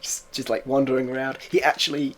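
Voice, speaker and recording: A man's voice: mid-range voice, flat delivery, fast, slight background noise. A young English man co-hosting a podcast, rambling through stories in casual chat with many fillers and laughs. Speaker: podcast co-host.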